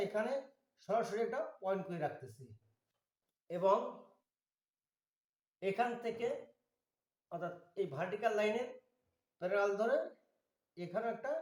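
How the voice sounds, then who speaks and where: A man giving a slow, methodical drawing tutorial, walking through each step. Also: high-pitched, echoey room. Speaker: drawing instructor.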